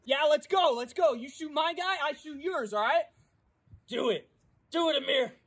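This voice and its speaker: A man's voice: extremely high pitch, normal speed, fairly bright tone. A young man playing a cocky, mocking young man in an amateur fan film, outdoors in a parking lot. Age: young adult. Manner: mocking, wisecracking.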